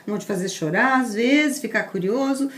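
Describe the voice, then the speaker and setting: Podcast host lady, high voice, gushy and welcoming, interviewing a guest. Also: normal speed. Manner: effusive, welcoming.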